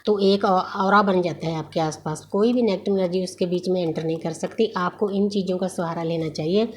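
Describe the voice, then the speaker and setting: A woman giving a spiritual tarot reading in a gentle, unhurried, reassuring way. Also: on the low side, steady tone, slight background noise. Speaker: tarot reader.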